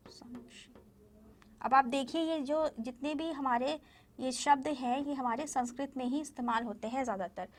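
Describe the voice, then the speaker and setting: High-voiced patient woman teaching children. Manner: patient, repeats each word slowly and asks the class questions. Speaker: primary school Hindi teacher. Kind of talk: online lesson for young children.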